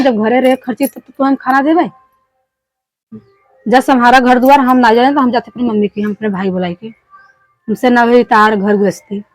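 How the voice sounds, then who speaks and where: A woman's voice: high voice, dry recording, low-quality recording. A woman playing a fed-up village wife in a family skit, scolding and complaining in rustic speech with an eastern Hindi belt, Bhojpuri-Awadhi accent. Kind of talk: amateur family skit dialogue.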